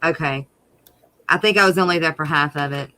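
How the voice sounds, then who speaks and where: A woman's voice: sits low, sharp tone, no room sound. A woman with a Southern US accent, co-hosting a casual livestream chat and agreeing readily. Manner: chatty, agreeable, quick asides. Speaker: co-host.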